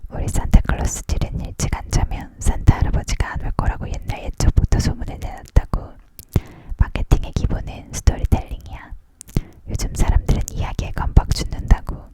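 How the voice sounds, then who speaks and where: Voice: fairly quick, close to an everyday voice. Touchy grumbling Santa Claus, whispered by a reader, whispered role-play. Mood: boastful. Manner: grumbling, self-justifying. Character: gruff, touchy, boastful Santa Claus dream maker, male.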